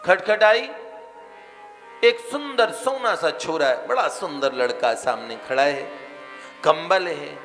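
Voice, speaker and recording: A man telling a devotional story as a sermon, animated and acting out voices. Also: on the high side, a little slow. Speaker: spiritual storyteller. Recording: reverberant hall, faint music behind.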